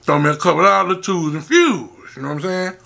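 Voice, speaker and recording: A man with a high, gravelly voice talks casually to his viewers as the host of an eating show. His delivery is bright and lively, with big swings in pitch as he boasts and calls out to them. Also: fairly quick. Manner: animated, hypes himself up, calls out to viewers. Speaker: mukbang host. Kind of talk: casual storytelling to camera while eating.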